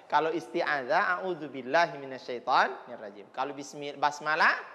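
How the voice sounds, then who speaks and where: A woman teaching children Quran recitation on TV, patiently modeling each verse slowly and counting the pupils in. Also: low voice, animated, sharp tone, long reverb tail.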